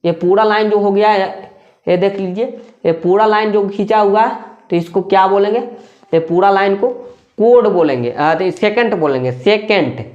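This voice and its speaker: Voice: medium pitch, normal speed, darkish tone, highs cut off. Patient, repetitive maths teacher. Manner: repeats key terms and asks rhetorical questions; checks in with tag questions. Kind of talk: classroom-style explanation.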